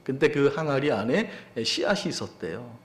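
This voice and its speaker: A male pastor giving a Sunday sermon, moving from a relaxed, anecdotal tone to emphatic preaching. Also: mid-range voice, moderate pace. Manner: conversational, builds to emphatic preaching.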